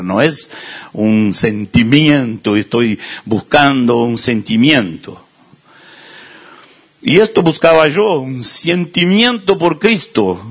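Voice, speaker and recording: Male preacher, lively husky delivery, conversational sermon. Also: mid-range voice. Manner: conversational, self-deprecating humor, acts out quoted voices.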